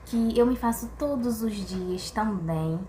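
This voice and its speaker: A woman's voice: fairly high pitch, slow pace, a little hiss or hum. Chatty woman in an echoey room. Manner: chatty and animated, piles up rhetorical questions and exasperated sighs. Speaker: vlogger. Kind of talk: casual opinion monologue to camera. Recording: echoey room with faint ambience.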